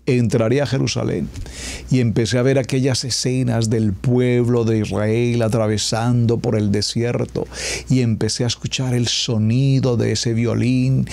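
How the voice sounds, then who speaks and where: Pastor guy, radio sermon, leans hard on words then goes quiet, dry close mic. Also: medium pitch, dry recording. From Colombia. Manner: emphatic preacher, stretches key words, drops to a hush at climaxes.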